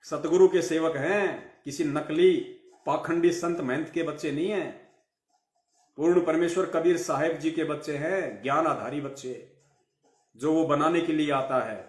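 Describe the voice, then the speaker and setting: Unhurried yet fierce, a male devotional speaker with a slight tinge rebukes his live audience, leaning on rhetorical questions and repeated emphatic lines. His voice is pitched high for a man, captured with a roomy echo.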